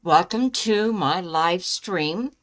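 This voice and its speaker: A woman chatting casually as a live stream host, speaking in a halting way with pauses mid-sentence. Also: lowish voice, expressive. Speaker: live stream host giving psychic love readings.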